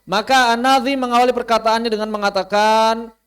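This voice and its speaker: A man with an Indonesian accent teaching an online recitation class, asking and answering his own questions and slowing down to spell out Arabic words. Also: a little high, animated.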